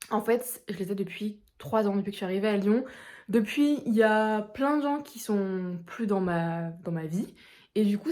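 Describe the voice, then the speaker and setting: A young woman from France chatting casually to camera in a personal vlog, excited and full of fillers. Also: mid-range voice. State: just woken up, tired. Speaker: vlogger.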